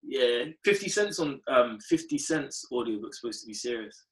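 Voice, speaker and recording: A man's voice: medium pitch, sing-song, moderate pace. A young man with a London accent in casual banter, questioning and slangy.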